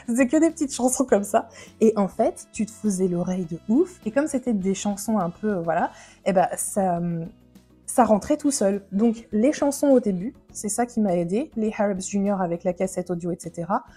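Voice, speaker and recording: Mellow, husky-voiced chatty woman vlogger. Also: mid-range voice. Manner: chatty, slangy, laughs often. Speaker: lifestyle vlogger. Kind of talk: casual Q&A chat to camera.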